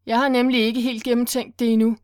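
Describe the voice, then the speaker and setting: A furious man back from the dead, roaring orders and spitting bitterness, as a woman narrator acts him out. His voice rises high and loud when he shouts. The recording is close and dry. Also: little pitch movement, no room sound, close to an everyday voice. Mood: bitter. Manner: barking, roaring commands.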